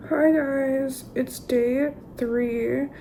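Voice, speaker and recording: A young woman recording a casual video diary, halting and subdued, her voice sore and weakened after throat and sinus surgery. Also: sits high, steady tone, dark tone, rough recording. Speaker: vlogger. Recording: clear background ambient noise.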